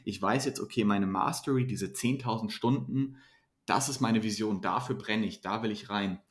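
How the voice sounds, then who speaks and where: A male coach speaks in a fairly low voice. He answers interview questions earnestly, pushing motivation and self-development. He often repeats or restarts words as he builds his point. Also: normal speed. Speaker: mentoring coach.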